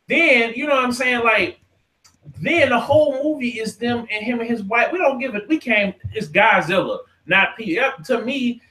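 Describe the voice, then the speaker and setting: On a rough recording, a very high-pitched, bright, forceful male voice moves at a moderate pace. He's an American podcast host in a casual, profane, slang-filled argument about movies and games, interrupting and repeating points to drive them home.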